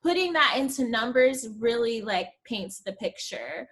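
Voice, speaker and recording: A woman's voice: a little high, animated, measured pace, fairly bright tone. A woman co-host asking questions and adding encouraging interjections.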